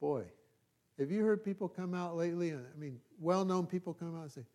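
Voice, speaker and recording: This man, a pastor from California with a matching American accent, has a slightly high voice with a dark tone. His sermon is informal and conversational, folksy and self-deprecating, and he often stops to check in with listeners.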